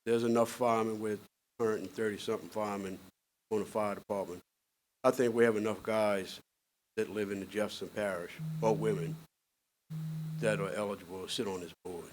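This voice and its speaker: Fifties firefighter guy, blunt and plain, lowish voice, podium mic in an official meeting-room recording, faint room hum. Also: fairly even intonation, a little fast, rough recording. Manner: blunt, plain-spoken objection. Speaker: firefighter speaking in public comment. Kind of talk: public comment at a council meeting. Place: council chamber.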